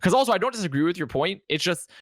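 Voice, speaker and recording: A man co-hosting an esports talk show, asking rapid questions and teasing his co-host. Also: high voice, no room sound, studio quality. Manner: quick, animated questioning and teasing. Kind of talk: casual chat and teasing banter.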